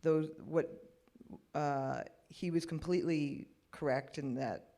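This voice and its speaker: Earnest panelist, slightly high voice. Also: male voice, steady tone, takes it slowly, creaky, dark tone. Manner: earnest, reflective. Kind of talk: panel talk. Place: cinema cafe panel.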